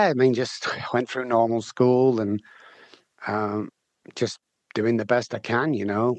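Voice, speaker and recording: With a fairly low voice and no room sound, this middle-aged Englishman from Manchester speaks candidly about his life as an addiction recovery specialist guest. He's chatty in the interview and frequently repeats words when restarting sentences.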